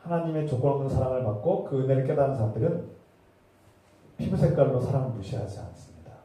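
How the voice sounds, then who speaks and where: A man's voice: medium pitch, expressive, fast talker, mellow. A man preaching a sermon as pastor, impassioned and emphatic, building his points through repeated phrases. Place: church sanctuary. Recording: echoey hall, voice from a distance.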